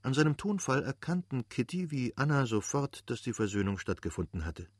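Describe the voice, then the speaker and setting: A man reading a classic novel aloud as an audiobook narrator, measured and steady. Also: medium pitch, no echo, clean studio sound. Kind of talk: scripted literary narration.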